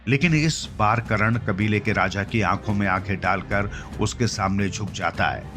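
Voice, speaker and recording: Over a clear music bed, a man with a lowish voice narrates a scripted children's fantasy story as its storyteller, speaking at normal speed.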